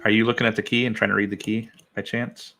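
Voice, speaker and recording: A man's voice: fairly low pitch, little pitch movement, fast talker, creaky, fairly bright tone. A man in casual chat, asking brief, curious questions. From United States.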